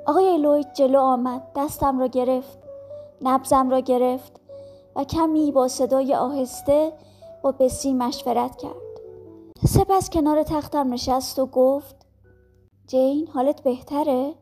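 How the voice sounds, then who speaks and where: A woman reading a classic novel aloud as an audiobook, calm and measured. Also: high-pitched, soft background music. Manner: calm, measured storytelling with quoted dialogue. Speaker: audiobook narrator. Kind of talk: scripted narration of a classic novel.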